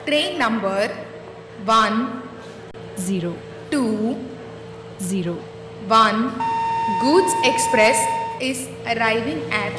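Very slow woman over a station PA. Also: fairly high pitch, animated. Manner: slow, evenly spaced announcement delivery. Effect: over a station PA loudspeaker. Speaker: railway station announcer. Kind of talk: recorded train announcement. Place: railway station platform. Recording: echoey, distant loudspeaker with train noise.

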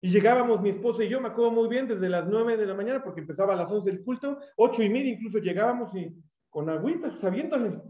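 A man with a Mexican accent preaching a sermon as a lively storyteller, acting out the voices he quotes. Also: high-pitched, fast talker. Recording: echoey, dull room sound.

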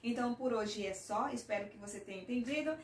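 A Brazilian woman with a Brazilian Portuguese accent, teaching English in a patient explanatory mini-lesson and repeating example sentences slowly. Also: a little high, roomy sound, distant mic, a little hiss or hum.

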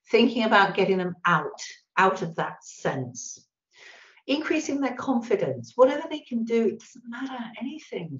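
A woman giving an animated webinar presentation as a video call. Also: mid-range voice. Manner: animated, acts out little voices. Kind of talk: presentation talk. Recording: echoey, dull lo-fi sound.

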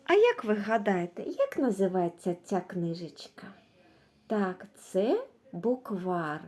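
A woman's voice: medium pitch, very animated, dark tone. A woman teacher giving a lesson to young children, patiently asking questions and answering them herself, singing out sounds. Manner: slow, patient, asks and answers her own questions; sings out sounds and words drawn out. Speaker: kindergarten teacher.

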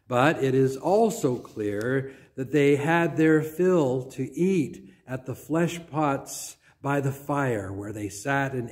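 An older male pastor preaches a sermon slowly and deliberately, his medium-pitched voice measured, with phrase endings that trail off softly. It's recorded indoors in a small church sanctuary on a phone or camera at close range.

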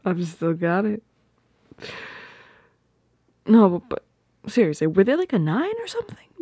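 In an ASMR roleplay, a woman plays an affectionate, teasing girlfriend who is playfully jealous, speaking soft and breathy close to the mic and often slipping into whispers. Her medium-pitched voice is sing-song and heavily acted, with no echo.

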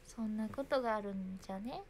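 A woman's voice: medium pitch, a little fast, a little mellow, slight background noise. A young woman, chatting casually and giggling on a phone livestream. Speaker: idol livestreaming to fans.

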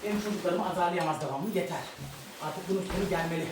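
A father bossing his kids around at home as he sets up a tent indoors, quick and repetitive, repeating each order. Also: high-pitched. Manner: fast, giving orders, repeats himself. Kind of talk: family vlog, playful bossy chatter. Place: home living room. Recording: echoey room from far off, background noise.

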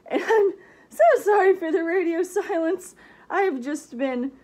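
A woman's voice: extremely high pitch, lively intonation, a little slow, a little mellow. A woman chatting casually in a vlog, giggly and rambling, her voice muffled inside a costume head. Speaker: vlogger.

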